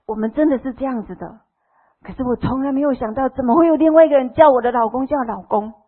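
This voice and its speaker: A woman's voice: sits high, fast talker, breathy edge. A middle-aged woman with a Taiwanese Mandarin accent gives an emotional personal testimony to a congregation. She acts out the voices of the people in her story. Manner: emotional storytelling, acting out quoted dialogue. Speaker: church member giving testimony. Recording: tinny phone-like sound.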